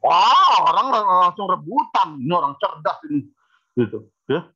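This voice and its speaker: A male law professor gives a university lecture and tells animated stories, dropping in frequent "gitu" asides. His pitch rises and falls widely and his voice sounds bright, captured on a dull, lo-fi recording. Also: moderate pace, husky.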